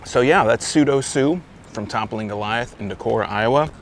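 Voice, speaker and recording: Outside in the wind, a man with a mid-range voice and moderate pace gives a casual beer review. His delivery is loose and rambling, full of self-corrections. Wind noise is audible behind him.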